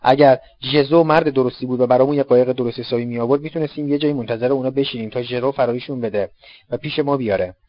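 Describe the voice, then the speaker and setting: A man voicing an excitable young male escaped convict who talks eagerly and emphatically. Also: medium pitch, natural voice. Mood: earnest. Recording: dull lo-fi dry recording.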